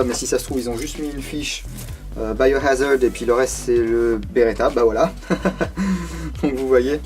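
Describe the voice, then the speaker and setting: A man's voice: medium pitch, a little mellow. A man hosting his own video, reviewing a collectible replica in a casual, unscripted way, chatting with many hesitation fillers and self-deprecating asides.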